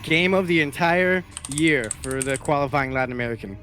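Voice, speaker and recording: A man's voice: fairly high pitch, moderate pace, sharp tone, faint music behind. A man working as an esports commentator, chatting casually with a co-caster about the match.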